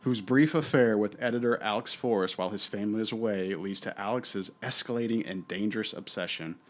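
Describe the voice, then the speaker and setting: A man's voice: on the low side, fairly quick. A middle-aged man co-hosting a podcast in casual chat, with a theatrical, mock-grand way of talking. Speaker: podcast co-host.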